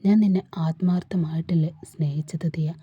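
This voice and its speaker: A woman's voice: sits low, fairly even intonation, a little fast, mellow, slightly rough, no echo, muffled recording. A woman reading a storybook part of a hurt young husband who pleads with his wife. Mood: wounded.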